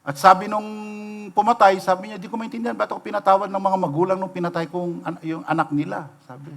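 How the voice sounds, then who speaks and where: A man's voice: sits high, steady tone, fast talker, gravelly, a bit bright. A middle-aged Filipino man preaching in church, telling stories and asking the congregation rhetorical questions, slipping in English phrases. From Philippines. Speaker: pastor. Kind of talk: sermon. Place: church sanctuary, livestream.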